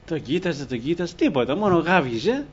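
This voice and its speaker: A man's voice: on the high side, very animated, dull audio, slight background noise. A man preaching a fervent sermon to his congregation, often calling them brothers. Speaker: pastor.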